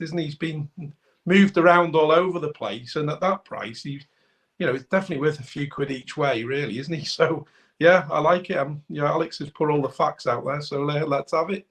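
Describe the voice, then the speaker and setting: A man's voice: a little high, a little fast, fairly bright tone. Easygoing man chatting racing tips. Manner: easygoing, chuckling. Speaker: racing tipster panelist. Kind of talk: casual podcast chat.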